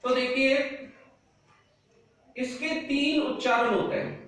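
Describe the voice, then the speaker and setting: A man's voice: very high-pitched, fairly even intonation, slow pace, fairly bright tone, far from the mic. A man teaching English pronunciation, explaining rules step by step and asking the class questions he then answers himself. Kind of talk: pronunciation lesson. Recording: echoey room, mic set back.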